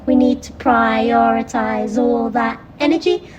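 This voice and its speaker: Woman poet, slow spoken-word reading, soft reflective delivery, loud music bed, fairly high voice. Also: fairly even intonation, muffled recording.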